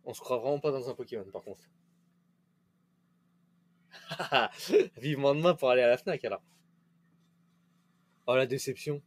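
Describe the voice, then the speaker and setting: A man's voice: mid-range voice, expressive, normal speed, long pauses. A young man casually commenting as he plays a video game on stream, loose and chatty, swearing now and then. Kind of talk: casual let's-play commentary.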